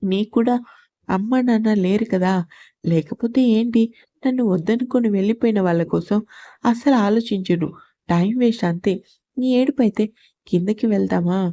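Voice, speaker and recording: A woman's voice: mid-range voice, normal speed, long pauses, dark tone, dry recording, lightly acted. A woman voicing a stern young husband who talks bossily and teases his wife in a storybook reading. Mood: firm.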